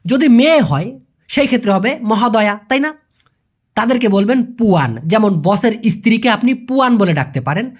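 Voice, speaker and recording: A man's voice: sits high, lively intonation, moderate pace. A man from Bangladesh hosting a language lesson, explaining patiently, asking rhetorical questions and repeating key words. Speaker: language teacher, channel host.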